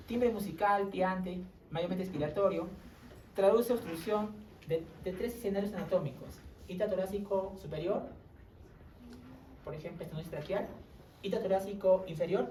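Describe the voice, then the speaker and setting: A woman's voice: mid-range voice, moderate pace, pauses often, a little mellow. Woman lecturer, classroom lecture, tag questions to students, recorded from across an echoey room, faint background hum. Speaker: medical lecturer. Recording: roomy classroom audio from far off.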